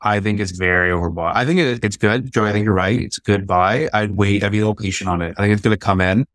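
A man with a somewhat low voice talks through market conditions in a relaxed, analytical way, leaning on fillers as he thinks. The sound is dry and close, with no room around it. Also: fast, dry recording. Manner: confident, analytical, frequent "like" fillers. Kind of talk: casual investing discussion.

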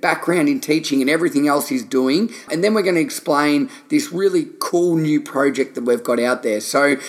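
A man's voice: fairly high pitch, moderate pace. A man hosting a podcast, introducing a guest and asking questions in an upbeat, enthusiastic way. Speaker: podcast host.

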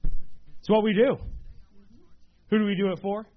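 A man with a high-pitched voice leads a small-group Bible study, teaching casually in a level, unhurried tone. He talks conversationally, using lots of fillers and frequently asking "right?" to check in with his listeners. The dull, lo-fi room recording carries faint noise.

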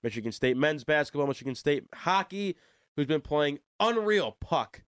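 A man's voice: a little high, animated, normal speed, fairly bright tone, clear, resonant tone, dry recording, studio quality. A young American man with a stuffy, plugged-nose voice hosting a casual sports talk radio show, chatty and self-deprecating. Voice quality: congested, stuffy-nosed, sounds like plugged nose. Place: radio studio. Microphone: desk studio microphone.

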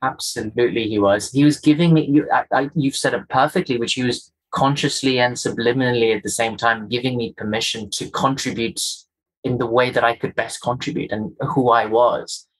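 A medium-pitched male voice with fairly even intonation, a brisk pace and a breathy edge comes through a rough recording. The speaker, an interview guest from Kenya with a faint, polished accent, talks reflectively and emphatically about his own experience, repeating important phrases in earnest.

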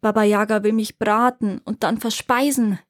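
A woman voicing a frightened young girl who pleads softly, in a storybook reading. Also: medium pitch, fairly even intonation, moderate pace, no echo, clean studio sound, close to an everyday voice. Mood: tearful.

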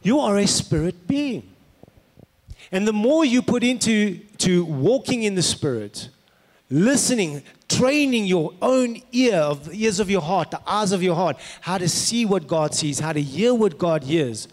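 A male pastor with a broad South African accent delivers a sermon in a fairly high-pitched voice. His manner is conversational and questioning, like someone telling stories to a congregation. The sound carries the long reverb of a hall. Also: animated, measured pace, darkish tone. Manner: conversational, rhetorical questions to the listeners. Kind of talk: sermon with personal anecdotes. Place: large indoor hall, preaching to an audience.

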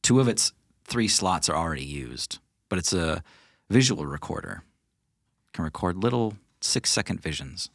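Deep-voiced male game master. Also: normal speed, gravelly, breathy edge, no room sound, clean studio sound. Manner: relaxed, chatty narration with fillers. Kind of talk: narrating a tabletop game.

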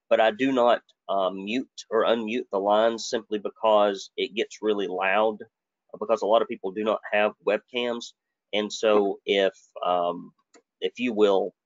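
A man's voice: on the low side, no echo. A man, giving a live webinar presentation in a folksy, joking, conversational way. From Alabama, US. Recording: dry, dull lo-fi webinar audio.

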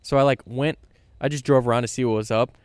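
A man in relaxed podcast chat who rambles in an easygoing way, filling his talk with casual fillers. His voice is smooth and clean, and it sounds dry and close to the mic. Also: mid-range voice, fast, no room sound. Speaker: video creator and podcast co-host.

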